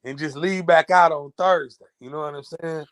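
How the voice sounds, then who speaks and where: A man's voice: on the high side, steady tone, moderate pace, a bit bright. A man in casual podcast chat, laid back and slangy, agreeing often.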